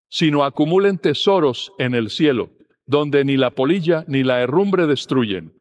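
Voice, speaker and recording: A man preaching a sermon, speaking in a steady, earnest teaching manner. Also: medium pitch.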